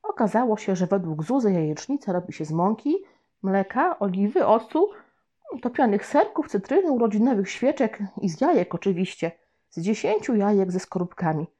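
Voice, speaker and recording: A woman reading a children's storybook aloud with gentle, expressive narration. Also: mid-range voice, moderate pace. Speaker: audiobook narrator. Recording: dull lo-fi recording.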